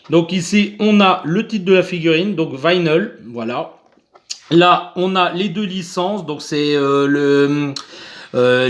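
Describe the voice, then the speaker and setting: Hesitant French man hosting an unboxing. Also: a little high. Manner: hesitant, many fillers and restarts. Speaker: YouTube unboxing host. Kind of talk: casual unboxing vlog.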